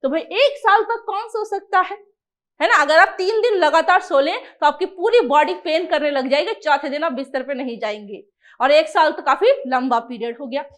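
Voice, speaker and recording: Lively high-voiced woman teaching. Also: moderate pace. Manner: lively, asks rhetorical questions and answers them. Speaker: English teacher. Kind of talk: Hindi-English exam coaching lesson.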